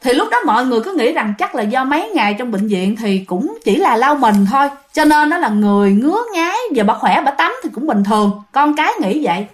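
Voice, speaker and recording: A woman with a southern Vietnamese accent recounts a ghost story in a relaxed, chatty way and keeps talking directly to her listeners. Her voice sits fairly high and swings widely in pitch as she builds the tale. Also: fairly quick, hardly any pauses. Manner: chatty, addresses listeners directly, animated retelling. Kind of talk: casual spoken storytelling.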